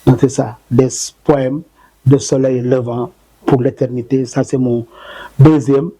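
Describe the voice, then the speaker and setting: A poet being interviewed, a man who talks in a halting way with many fillers and repeated words, stopping to count out syllables. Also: medium pitch, little pitch movement, mellow, breathy edge, low-quality recording. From Senegal. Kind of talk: conversational interview answers.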